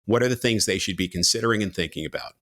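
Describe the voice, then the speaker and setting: A man's voice: lowish voice, racing, fairly bright tone. A man hosting a podcast, asking questions and giving a polished, upbeat closing. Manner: upbeat, polished sign-off delivery. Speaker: podcast host.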